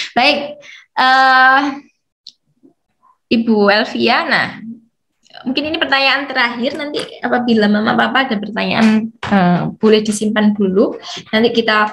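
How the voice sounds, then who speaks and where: A woman's voice: fairly high pitch, a bit bright. Woman explaining patiently to parents. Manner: explains patiently, many fillers, reads questions aloud. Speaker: educator for parents of children with hearing technology. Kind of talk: online parent seminar with Q&A.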